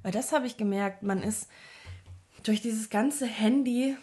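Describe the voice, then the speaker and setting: A woman's voice: a little high, measured pace, dark tone, breathy edge. A young woman speaking to her viewers in a casual, reflective monologue, giving earnest self-help advice with lots of fillers and restarts.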